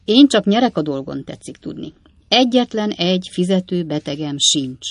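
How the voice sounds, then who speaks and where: A reader voicing a boisterous, reckless young male apothecary in an audiobook, loud and excitable. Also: medium pitch, no echo. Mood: breezy. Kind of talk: audiobook character voice.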